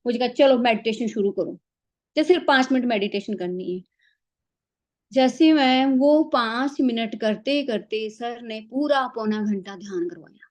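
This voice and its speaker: A woman sharing a heartfelt spiritual experience, acting out the dialogue as she goes. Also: a little high. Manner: animated storytelling, acts out dialogue. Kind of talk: emotional personal testimony.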